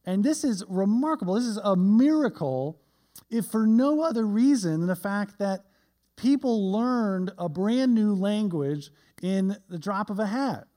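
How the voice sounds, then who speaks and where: Mellow-voiced man preaching a casual sermon. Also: high voice, expressive, measured pace. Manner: conversational, often adds "right?"; self-deprecating humor. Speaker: pastor.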